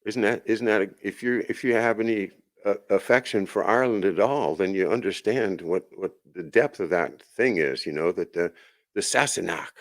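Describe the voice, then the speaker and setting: A man hosting his own show, talking casually in a rambling monologue full of restarts and asides. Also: on the low side. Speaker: podcast host.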